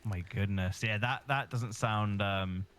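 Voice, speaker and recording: A man's voice: fairly low pitch, fairly even intonation, slow, a bit bright. A man with a Bristol accent chatting casually on a stream, rambling with lots of fillers and repeated words. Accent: Bristol English. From England. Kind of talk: casual chat.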